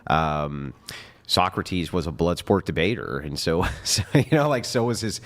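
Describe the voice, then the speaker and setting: Deep-voiced man lecturing emphatically. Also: animated, measured pace, a bit bright. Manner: lecturing, emphatic, swears and laughs. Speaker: debate guest. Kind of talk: heated debate chat.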